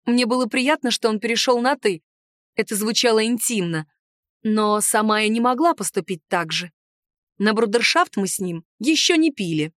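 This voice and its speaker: A woman narrating a first-person novel as an audiobook, in an expressive, playful manner with character voices. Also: on the high side, moderate pace, no room sound, clean studio sound.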